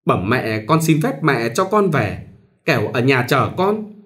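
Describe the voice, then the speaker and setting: A man's voice: mid-range voice, big pitch swings, a little slow, fairly bright tone. A man voicing a grieving young bride who pleads and sobs. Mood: pleading. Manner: pleading, sobbing.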